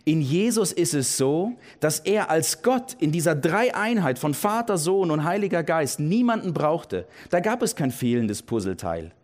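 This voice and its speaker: A man preaching a sermon in an earnest, emphatic way, repeating key phrases and dropping his voice low for weight. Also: sing-song, measured pace, hardly any pauses, a little mellow.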